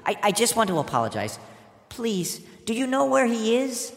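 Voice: medium pitch, sing-song, normal speed, creaky, roomy sound, big-room sound, pitched above the performer's own voice. A storyteller voicing a nervous, lovesick young woman who stammers and pleads. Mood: pleading. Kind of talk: storytelling podcast voice acting.

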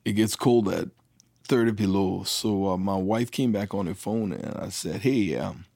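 Gravelly man telling stories. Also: on the low side, normal speed, dry recording, studio quality. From Liberia. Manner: animated, acts out dialogue. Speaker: guest. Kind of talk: anecdotal storytelling.

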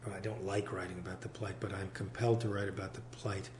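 A male novelist chatting in an interview, meandering and correcting himself, recorded on a single mic in a giant high-ceilinged room with big hall echo. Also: little pitch movement, fast, a little mellow, a little hiss or hum. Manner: meandering, self-correcting, many fillers. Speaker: novelist guest. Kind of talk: casual interview chat. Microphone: single shared mic in the room.

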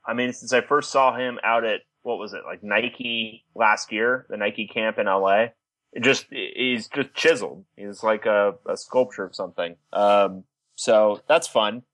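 A man's voice: lowish voice, measured pace, a bit bright, no echo, poor audio. A man co-hosting a sports talk show, chatting casually and with enthusiasm.

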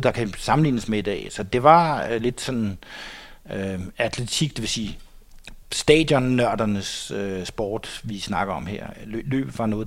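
Older man reminiscing, full of hesitations. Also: mid-range voice. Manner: hesitant, many fillers and restarts. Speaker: guest. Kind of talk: reminiscing interview talk. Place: studio.

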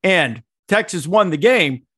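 A man's voice: sits high, lively intonation, unhurried, a bit bright, husky, no echo, studio quality. A middle-aged man co-hosting a podcast, chatting casually about college football in a rambling, digressive way with many restarts. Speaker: podcast co-host. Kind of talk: casual sports chat.

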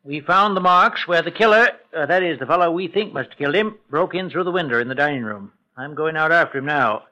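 A man's voice: on the high side, expressive, quick pace, sharp tone, low-quality recording. A man playing a blunt, commanding small-town sheriff in a 1940s radio drama. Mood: plain. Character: gruff small-town male sheriff, bossy. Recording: old radio broadcast recording.

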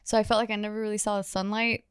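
A woman's voice: medium pitch, level tone, racing, smooth, no echo, studio quality. Rambling woman in her thirties chatting. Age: 30s. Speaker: YouTuber, podcast co-host. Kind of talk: casual chat.

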